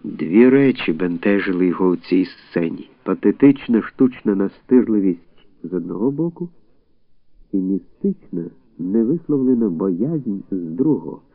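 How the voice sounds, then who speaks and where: A man giving measured literary audiobook narration. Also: sits low, expressive, dry recording. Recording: tinny dry phone-like audio.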